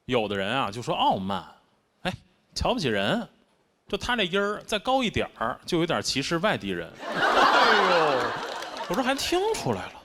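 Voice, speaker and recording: A man with a Beijing accent works through a stand-up comedy set with wry, self-mocking timing. His fairly high voice leaps all over in pitch, and steady noise runs under the recording. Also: moderate pace, pauses often. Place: stage before a live audience. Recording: constant background noise.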